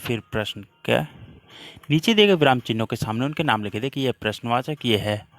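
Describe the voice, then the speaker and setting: A man's voice: medium pitch, lively intonation, fairly quick, dry recording. A man teaching a worksheet lesson to children, patiently explaining with repeated examples.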